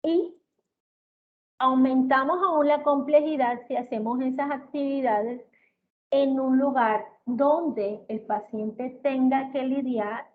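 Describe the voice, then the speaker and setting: A woman giving an explanatory lecture on therapy methods, often checking in with her listeners and filling pauses with hesitation sounds. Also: high-pitched, fairly even intonation. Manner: checks in with listeners with "¿ok?" and "¿sí?", many "eh" fillers. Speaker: lecturer in auditory-verbal therapy. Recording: tinny, phone-like with faint hiss.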